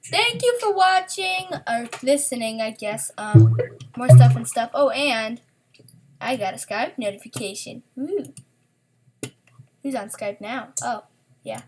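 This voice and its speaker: A woman hosting a casual chat with friends, giggly and quick in the back-and-forth. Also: a little high, big pitch swings, darkish tone, a little hiss or hum. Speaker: podcast host.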